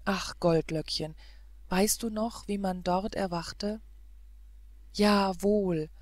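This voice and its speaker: A woman reading the part of a gentle, sweet young girl in a fairy-tale audiobook, speaking tenderly and pleadingly. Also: medium pitch, slow pace, no room sound, close to an everyday voice.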